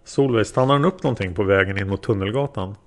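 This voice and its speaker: A man reading the questions of a patient female interrogator, gently probing a witness. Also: on the low side, lightly acted. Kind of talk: read-aloud interrogation transcript.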